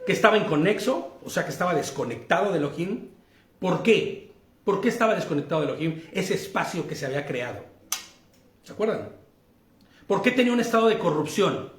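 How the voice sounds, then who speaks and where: High-voiced Mexican man leading Bible study. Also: animated, a little fast, roomy sound. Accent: Mexican Spanish. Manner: questioning, checks in often with his listeners; laughs easily while teaching. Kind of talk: interactive Bible study lesson.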